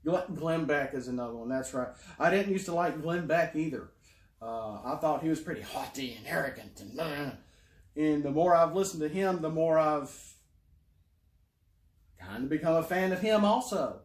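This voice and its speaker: A man's voice: a little high, expressive, moderate pace, reverberant. A middle-aged man rambling in a casual monologue, full of fillers and restarts. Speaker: YouTuber.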